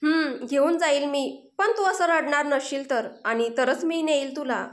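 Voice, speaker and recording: A woman's voice: sits high, a little slow. A woman voicing a caring, protective young man who comforts and reassures in a story reading. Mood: soothing. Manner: gentle, reassuring, sometimes urgent. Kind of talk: Marathi audio story dialogue.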